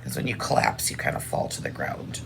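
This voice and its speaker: A woman with a very deep, gravelly voice reads aloud like a teacher, sing-song and a little fast, adding simple, informal asides about what to draw. There's slight background noise.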